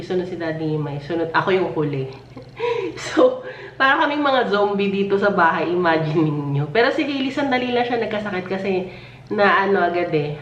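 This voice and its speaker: A woman talks casually to her viewers from home, laughing often between sentences. Her voice sits a bit low and sounds faintly hoarse, with a cough now and then after a recent illness. The recording is distant and roomy, with muffled, dull highs. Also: slight background noise. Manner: chatty and giggly, with frequent laughs. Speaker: family vlogger. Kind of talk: casual chat.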